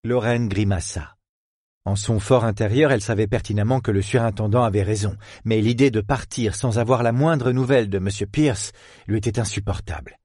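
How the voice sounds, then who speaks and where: A man narrating a novel as an audiobook, in a measured, literary storytelling manner. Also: lowish voice, a little mellow, husky, dry recording, clean studio sound.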